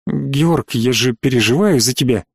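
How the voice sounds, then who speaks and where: A man's voice: mid-range voice, moderate pace, gravelly, husky, no echo, studio quality. A man voicing an indignant, worried woman starship captain who grumbles and reproaches, for an audiobook.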